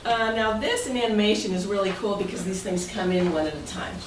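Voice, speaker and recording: As club president, a woman talks fast at medium pitch, chatting playfully through her meeting presentation and inviting answers between jokes. She's heard from a distance in an echoey, noisy meeting room.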